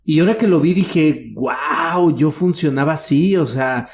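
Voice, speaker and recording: A man's voice: on the high side, measured pace. A middle-aged man with a Mexican accent, a guest telling personal family stories in a frank, earnest way with casual swearing. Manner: frank and earnest, slips into acted quotes of relatives, casual swearing. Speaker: guest, workshop speaker. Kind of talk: candid conversational storytelling.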